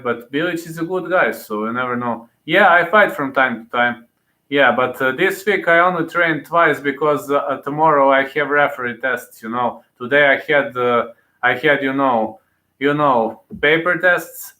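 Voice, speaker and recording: A man's voice: medium pitch, pushed and bright. Rambling man in a roomy space. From Serbia. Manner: rambling, hesitant, repeats himself. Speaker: fight commentator streaming live. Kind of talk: casual live commentary answering chat.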